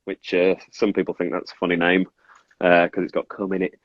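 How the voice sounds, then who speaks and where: A low-voiced man from Carlisle, Cumbria, with a Cumbrian northern English accent carrying Scottish influence, appears as a guest toy maker and resin artist, explaining his craft casually in a completely flat, slightly fast delivery. He rambles, interrupts himself and apologizes for tangents, and the room sound is muffled and echoey.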